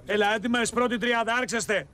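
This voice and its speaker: A man's voice: very high voice, fairly even intonation. A man playing a bossy teasing gym teacher. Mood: commanding. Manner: barking orders, teasing.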